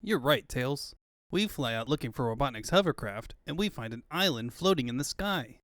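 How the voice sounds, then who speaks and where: Man voicing a cocky, lively cartoon hedgehog hero. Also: medium pitch, moderate pace, no room sound, clean studio sound, natural voice. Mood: breezy, wisecracking. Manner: quippy, breezy banter. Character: cocky wisecracking young male hedgehog hero. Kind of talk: comic book fandub acting.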